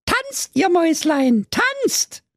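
A man's voice: very high voice, sing-song, slow pace, no room sound, studio quality, voice pushed up, exaggerated voice. A man voicing a bratty, squealing fifteen-year-old girl in a comic fairy-tale parody. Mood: excited. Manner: squealing, whiny, crude.

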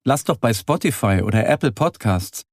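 A man narrating a children's story, telling it slowly and very expressively. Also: medium pitch, animated, no room sound, studio quality.

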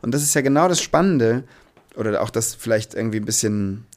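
Male interview guest, mid-pitched, earnest and thoughtful, conversational, feeling his way toward phrasing. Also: lively intonation, fairly quick. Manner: reflective, earnest, searching for words.

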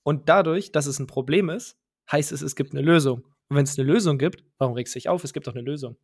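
A man co-hosting a podcast, arguing his points casually in quick reasoning steps. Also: a little high, slightly rough. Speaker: podcast co-host.

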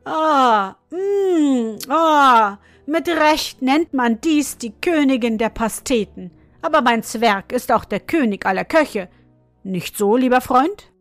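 A woman's voice: fairly high pitch, animated, a little slow, no room sound, soft background music. Woman voicing a blustering, furious duke. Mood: delighted. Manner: shouting threats, blustering. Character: angry proud male duke, hot-tempered ruler.

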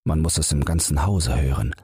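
A man reading a bedtime audiobook in a calm, unhurried manner with a husky voice, close to the mic. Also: a bass voice, no room sound. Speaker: audiobook narrator.

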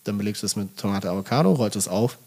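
A husky-voiced man from Swabia chats as a podcast guest, telling stories with lively enthusiasm. He swears casually and tosses in English phrases. His delivery is relaxed and conversational. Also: fairly low pitch, fast talker. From Swabia, Germany. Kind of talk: casual chat.

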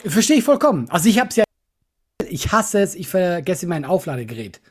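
A man co-hosting a casual podcast. He mostly gives short reactions and asks teasing questions in a husky, mid-pitched voice. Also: very animated, a little fast. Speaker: podcast co-host.

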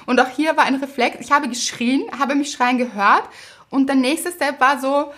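Lively woman telling a story. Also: sits high, moderate pace. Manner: lively storyteller, laughs often. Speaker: podcast co-host. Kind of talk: casual chat.

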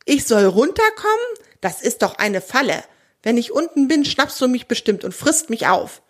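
A woman voicing a cheeky, eager young male squirrel in a children's audio story, talking quickly and excitedly. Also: on the high side, heavily acted. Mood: skeptical.

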